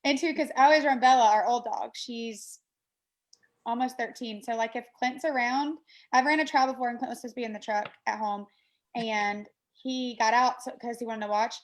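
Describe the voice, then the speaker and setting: High-voiced chatty woman co-host. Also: fairly even intonation. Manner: chatty, quick asides with "like". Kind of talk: casual podcast interview.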